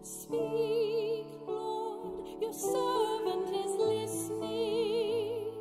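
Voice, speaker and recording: A woman cantor singing a slow, sustained alleluia, heard with a cathedral echo. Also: extremely high pitch, little pitch movement. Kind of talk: sung liturgical acclamation. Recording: roomy cathedral echo with loud music.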